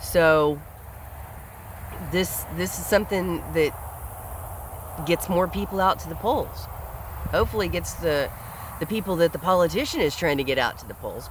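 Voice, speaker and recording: A man's voice: sits high, expressive, moderate pace, a bit bright, slight background noise, poor audio. A man hosting a solo podcast, speaking in an earnest, reflective way and often repeating words as he thinks aloud. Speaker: podcast host. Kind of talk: solo commentary monologue.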